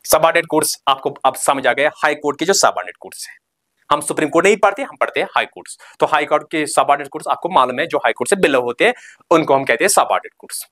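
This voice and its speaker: A male coaching teacher delivers a recorded lecture in a steady, drilling manner. He reads key terms out slowly and repeats them, then fires short questions at the class and answers them himself. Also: on the high side. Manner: keeps telling students to remember.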